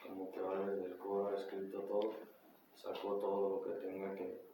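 A man with a Mexican Spanish accent talks casually in low tones, heavy with street slang. The sound is echoey and muffled, with a faint hiss under it. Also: monotone, moderate pace, vocal fry, dark tone. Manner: laid-back slang-heavy street talk. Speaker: rapper guest. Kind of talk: casual chat.

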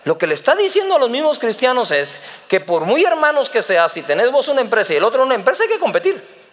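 A male pastor preaching a sermon, lively and teasing, acting out little dialogues. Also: very high voice, quick pace.

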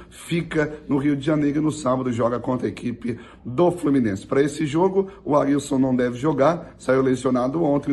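A male sports streamer delivers informal team news. His voice is hoarse and gravelly, sitting at an average pitch. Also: a little mellow.

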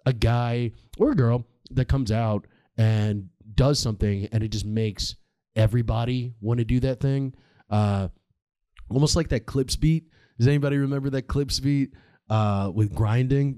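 A man's voice: medium pitch, lively intonation, moderate pace, warm tone, dry recording, studio quality. A man hosting a podcast, delivering a casual, comedic monologue in a rambling, slangy, sweary way. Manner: informal, slangy, heavy swearing. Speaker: podcast host.

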